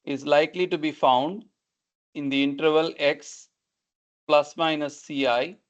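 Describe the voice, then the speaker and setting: A man's voice: fairly high pitch, steady tone, unhurried. A man teaching an online class on a video call as a lecturer, explaining step by step, repeating points and checking understanding. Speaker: lecturer teaching numerical methods. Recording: dull, lo-fi online meeting audio.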